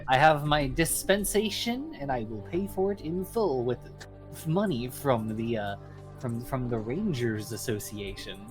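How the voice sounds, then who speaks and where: A man playing a tabletop game, chatting in character in a playful, excitable, casual way. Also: medium pitch, unhurried, soft background music. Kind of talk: casual role-play chat.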